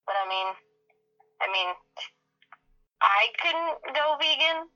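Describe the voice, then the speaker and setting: A woman's voice: high voice, expressive, slow, pushed and bright. A woman heard over a speakerphone during a call, talking casually and hedging with lots of fillers. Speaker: guest on call. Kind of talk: casual chat. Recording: tinny speakerphone line.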